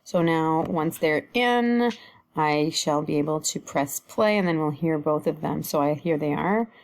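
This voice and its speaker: A middle-aged woman hosting a casual software walkthrough, talking informally and thinking aloud as she clicks through each step. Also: low voice, a little slow. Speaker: tutorial host.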